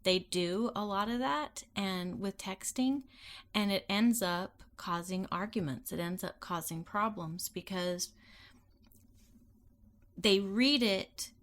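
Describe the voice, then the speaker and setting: A woman's voice: on the low side, fairly bright tone. A middle-aged woman co-hosting a marriage podcast in casual chat, telling stories earnestly and acting out what others said. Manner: earnest storytelling, acts out quotes. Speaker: podcast co-host.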